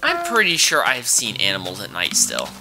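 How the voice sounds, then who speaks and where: A man's voice: fairly low pitch, wildly swooping pitch, normal speed, music in the background. A man casually commentating a video game he plays with his child, chatty and exclaiming as he thinks aloud. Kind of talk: casual let's-play commentary.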